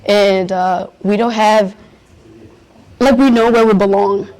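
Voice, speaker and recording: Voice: mid-range voice, steady tone, slow pace, darkish tone, poor audio. A young adult, answering interview questions earnestly and searching for words. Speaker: youth interviewee at a community event.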